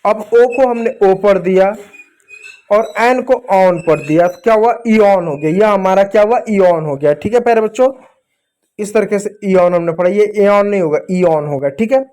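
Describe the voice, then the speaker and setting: A man teaching English reading to children, asking and answering his own questions and spelling out letters slowly. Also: high voice, dark tone. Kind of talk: spoken phonics lesson for children.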